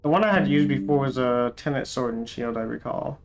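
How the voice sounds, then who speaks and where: A man's voice: medium pitch, a little fast, creaky, a little hiss or hum. A young man livestreaming gameplay, rambling casually, correcting himself mid-sentence and swearing now and then. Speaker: livestreamer playing a video game.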